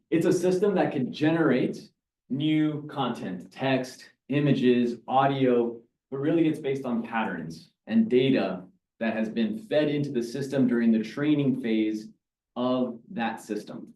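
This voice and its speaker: Energetic man presenting in an echoey room. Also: medium pitch, dull audio. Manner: energetic, explains with examples and asks the audience. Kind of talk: live talk to a meeting audience. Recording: echoey room, mic from far off.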